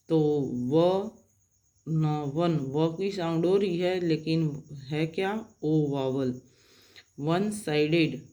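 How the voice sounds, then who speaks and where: Slow, deliberate woman teaching pronunciation. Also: sits low, warm tone. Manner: spells out letters and sounds slowly and deliberately. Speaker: English teacher. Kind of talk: lesson on English vowel pronunciation.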